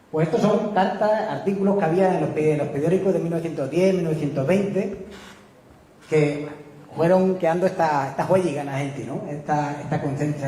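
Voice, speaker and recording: Guy giving a talk, kinda high mellow voice, big echoey hall. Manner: storytelling, keeps asking "¿no?" to the audience. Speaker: speaker at a public talk on local speech. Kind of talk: public talk, anecdotal. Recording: echoey hall, faint room ambience.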